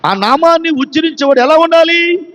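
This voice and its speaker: Pastor, male, Telugu accent, very high voice, emphatic sermon delivery with rhetorical questions, long hall reverb. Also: animated, moderate pace, fairly bright tone. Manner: emphatic, repeats phrases.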